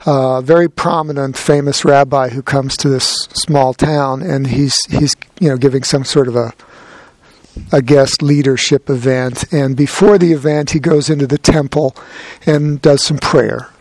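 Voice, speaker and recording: A man giving a gentle, reflective dharma talk as a meditation teacher, with a light touch of humor. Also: medium pitch, steady tone, moderate pace, dry recording.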